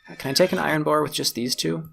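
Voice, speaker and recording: A man's voice: fairly high pitch, fairly even intonation, quick pace, gravelly, a bit bright, slight background noise. A man giving casual, chatty let's-play commentary on a strategy game, thinking aloud and making fun of himself. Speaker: gaming YouTuber.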